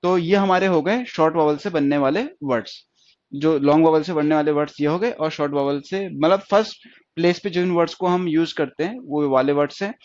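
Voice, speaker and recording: A man teaches shorthand, walking through each stroke step by step and repeating points with checking questions. His voice sits a little high. The recording is dull and lo-fi with a dry, close sound. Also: no echo. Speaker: stenography teacher. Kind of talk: classroom lesson.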